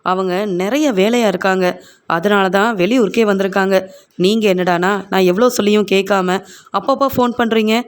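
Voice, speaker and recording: A man's voice: high voice, brisk, clear, resonant tone, lightly acted. Narrator as brusque male aide brushing off a caller; impatient read. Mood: irritated. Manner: scolding, impatient. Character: curt irritable male personal assistant.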